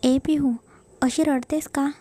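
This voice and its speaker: A woman's voice: sits high, fairly even intonation, slow, mellow. A woman voicing a caring middle-aged mother in a read-aloud story, speaking affectionately with a scolding edge. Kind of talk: storybook narration.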